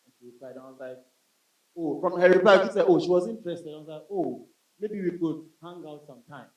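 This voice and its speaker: A man's voice: on the high side, fast. A man doing stand-up comedy on a club stage in a chatty style, addressing the crowd as bro. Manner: conversational, addresses the audience as bro. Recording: roomy club sound from a distance.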